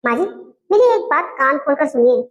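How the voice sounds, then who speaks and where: A woman doing a young wife who won't back down. Her voice sits very high and rings out firm and indignant as she scolds her in-laws. She delivers it like a family comedy skit. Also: big pitch swings, normal speed, muffled recording. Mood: defiant.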